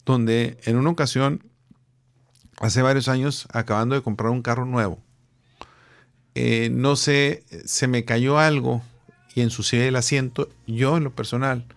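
Man telling lively stories. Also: mid-range voice, measured pace, gravelly. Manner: animated storyteller, acting out the people in his anecdotes. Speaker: guest speaker on personal growth. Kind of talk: conversational storytelling.

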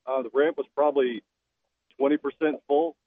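A man's voice: medium pitch, normal speed, no room sound. A man calling in on a speakerphone from a car, casually telling a fishing story. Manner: relaxed storytelling, laughing. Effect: phone speaker call. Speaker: guest caller. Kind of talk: casual chat. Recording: tinny phone line, dry.

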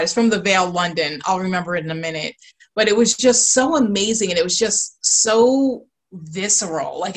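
A woman guest on a video call talking about her design work, gushing and full of fillers. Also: medium pitch. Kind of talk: casual interview.

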